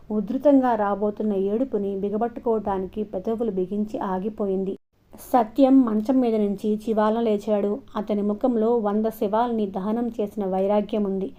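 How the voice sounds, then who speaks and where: A woman narrating a novel in a steady, expressive storytelling voice. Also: mid-range voice. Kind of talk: novel reading. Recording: dull lo-fi recording.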